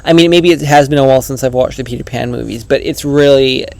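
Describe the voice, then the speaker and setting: A man's voice: medium pitch, quick pace, gravelly, darkish tone. A man giving a casual, earnest book review on his vlog, rambling and often restarting his sentences.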